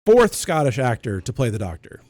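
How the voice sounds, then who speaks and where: Here another American man co-hosts a relaxed podcast discussion of a TV show, sharing trivia and details like someone who knows his stuff. He speaks at a moderate pace in a mid-range, somewhat dark voice with big pitch movement, and there's no room sound.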